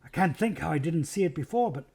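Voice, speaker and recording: A man reading aloud, voicing an eager, impulsive boy king who calls out with excitement in a storybook reading. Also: on the high side, fast, vocal fry, slightly rough, exaggerated voice. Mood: wondering. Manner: shouting with excitement.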